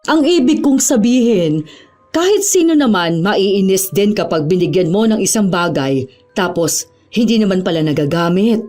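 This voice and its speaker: A woman's voice: mid-range voice, animated, normal speed, dark tone, faint music behind, close to an everyday voice. A woman voicing a sly female clinic assistant who teases and insinuates. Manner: teasing, insinuating. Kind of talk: audio drama acting.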